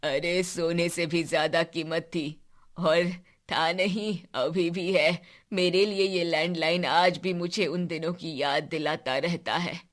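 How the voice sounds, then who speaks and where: A woman voicing an elderly grandfather, a former soldier, who talks slowly and fondly in a cartoon story. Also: fairly low pitch, steady tone. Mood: nostalgic. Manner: slow, fond, scolding then gentle.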